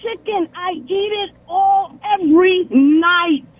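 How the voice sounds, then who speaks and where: A woman's voice: very high-pitched, slow pace, no room sound. Sixty-year-old woman calling in over the phone. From South Carolina, US South. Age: 60s. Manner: earnest, confiding. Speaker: caller. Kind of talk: call-in radio chat. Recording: tinny phone line.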